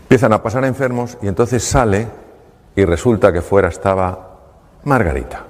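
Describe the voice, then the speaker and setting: A man's voice: lowish voice, normal speed. Man telling a story in a hall. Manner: animated, acts out dialogue. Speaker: doctor telling a patient story on stage. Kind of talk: storytelling talk.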